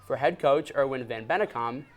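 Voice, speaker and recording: A man's voice: medium pitch, normal speed, faint music behind. A young man reading scripted sports news as an anchor in a TV studio.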